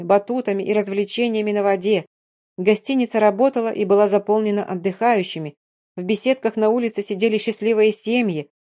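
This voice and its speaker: A woman narrating a first-person audiobook in a calm, even reading voice. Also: medium pitch.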